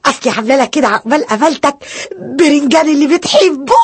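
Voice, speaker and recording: An actress playing a chatty, cheeky rustic wife in a radio comedy, with an Egyptian Arabic accent, lively and teasing. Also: female voice, high-pitched. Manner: lively, teasing, quick to exclaim.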